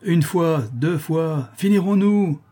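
A man's voice: mid-range voice, expressive, moderate pace, dark tone, close to an everyday voice. A man voicing a hard-hearted bailiff's officer who speaks in a mocking, sardonic way.

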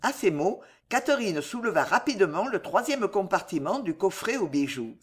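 A woman reading a novel aloud as an audiobook narrator, in a measured, expressive way. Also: mid-range voice, breathy edge. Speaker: audiobook reader.

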